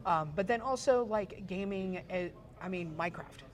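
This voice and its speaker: In a casual interview, a Pittsburgh esports photographer and journalist in her forties shares her story conversationally, with frequent fillers and restarts. She speaks in a mid-range voice at a moderate pace.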